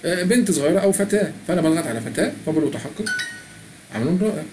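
With big pitch swings and a racing pace, this man's voice sits on the high side against a noisy background. He's a middle-aged presenter with an Egyptian Arabic accent, reading a language app's prompts aloud during a chatty screen-recorded walkthrough.

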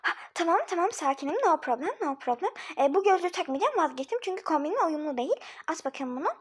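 A woman playing a flustered older sister rushing to get to school, talking to herself and repeating words in a homemade mini-series. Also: very high voice, lively intonation. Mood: bossy.

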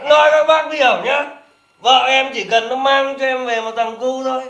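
An actor playing a tipsy, tearful village father who longs for a son, speaking loudly. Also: very high-pitched, fairly even intonation, normal speed, roomy sound. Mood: pleading. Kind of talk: comedy sketch acting.

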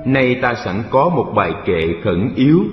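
A man storyteller voicing a calm, wise Buddha, teaching in a measured fireside storytelling manner. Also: mid-range voice. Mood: kindly. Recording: echoey hall reverb, dull sound, music behind.

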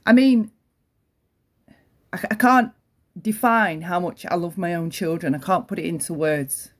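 A woman's voice: on the low side, measured pace. A woman giving an earnest opinion commentary, repeating her points and often adding "right?". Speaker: commentary channel host.

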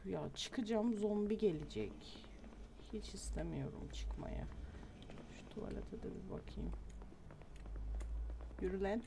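A woman's voice: medium pitch, slow, gravelly, long pauses, noisy background. A woman commenting casually on her own game play, muttering to herself, swearing and getting panicky. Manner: talks to herself, swears, panics and yells when chased. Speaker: gamer streamer.

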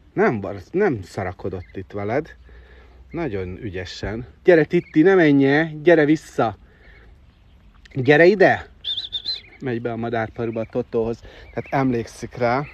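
Guy streaming from a bird park on his phone, greets viewers, coos and squeals at the birds, kinda muffled sound. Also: mid-range voice. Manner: coaxing, excitable squeals at animals. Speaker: livestreaming animal keeper. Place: outdoor bird park in bright sun. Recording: dull phone audio with faint noise.

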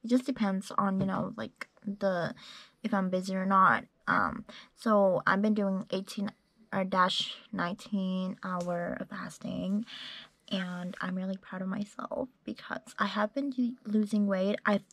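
A woman's voice: mid-range voice, fairly even intonation, unhurried, fairly bright tone, no room sound. A young woman chatting casually to a handheld phone camera, rambling with lots of fillers. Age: young adult. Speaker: vlogger. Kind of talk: casual vlog chat. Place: small bedroom and parked car. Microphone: phone camera at arm's length.

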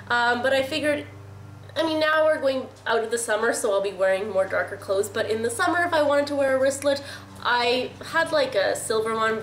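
Young woman, stuffy nasal voice, chatty haul vlogger, a bit high, roomy echo. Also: a bit bright, slight background noise. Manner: chatty, rambling, many fillers. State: nasal and congested. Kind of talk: casual product haul chat.

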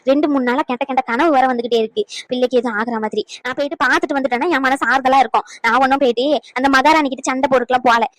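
Woman voicing an old cartoon grandmother, shrill, nagging, nonstop talker. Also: no room sound, natural voice. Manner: rapid, scolding chatter. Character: scolding, anxious old grandmother, doting on grandson. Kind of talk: cartoon family drama voice acting.

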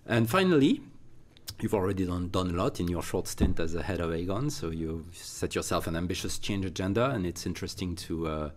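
Speaking a little fast with lively intonation, a low-voiced man interviews a guest in a recording studio. He's an interviewer and consultant whose conversational style has many fillers and restarts; a little hiss or hum can be heard.

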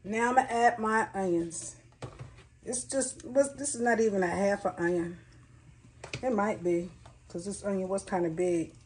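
This cooking vlogger has a mid-range voice and a moderate pace as she chats through a recipe at home, saying y'all to her audience. Kitchen sounds and sizzling food are audible on the recording from a camera set on a counter by the stove.

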